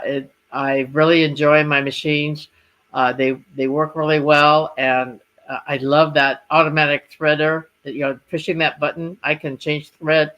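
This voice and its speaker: Higher-pitched man casually demonstrating craft designs. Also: a bit bright, highs cut off. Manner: halting, explanatory. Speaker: machine embroidery designer presenting designs.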